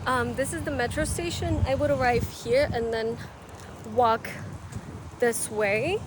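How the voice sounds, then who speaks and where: A young woman in her twenties speaks in a fairly high, slightly slow voice while vlogging casually outdoors in a city, partly on a bike. She rambles with lots of fillers, and street noise, traffic, city ambience and passing vehicles fill the recording.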